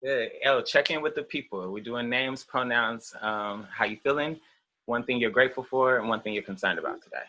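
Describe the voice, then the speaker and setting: Webinar host, bright crisp voice, laid-back casual talk, video call. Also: medium pitch, fairly quick, low-quality recording. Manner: relaxed, informal, laid-back.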